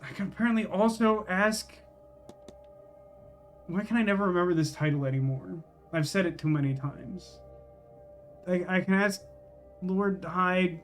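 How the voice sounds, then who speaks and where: This game streamer is a man with a high voice who talks a little slowly, with faint music behind him. His casual live gameplay commentary rambles as he thinks aloud, musing and questioning himself.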